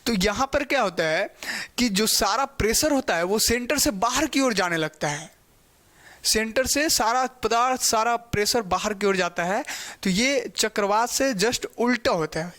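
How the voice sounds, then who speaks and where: Guy teaching geography in a high voice, goes slow and keeps asking "okay?". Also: a bit bright. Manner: explains step by step, often checks in with "okay"; spells out pronunciation slowly. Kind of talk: classroom geography lecture.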